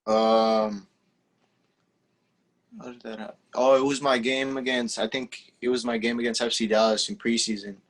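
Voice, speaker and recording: Answering questions in a casual interview, a young teenage footballer with Spanish as his first language sounds relaxed but stop-start, with many fillers and restarts. He speaks in a mid-range voice.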